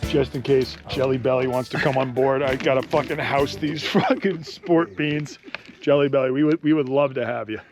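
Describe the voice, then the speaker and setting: A man's voice: mid-range voice, steady tone, normal speed, over music. A man hosting a hiking show, chatting casually outdoors on a trail, laughing often and swearing freely. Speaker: show host.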